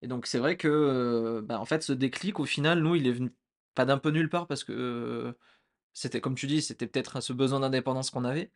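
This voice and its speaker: A young man co-hosting a podcast, chatting at an easy pace and feeling his way through each thought. He leans on fillers and restarts, and his voice sits at an ordinary middle pitch. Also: brisk. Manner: relaxed, hesitant, many fillers. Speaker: podcast co-host. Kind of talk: casual chat.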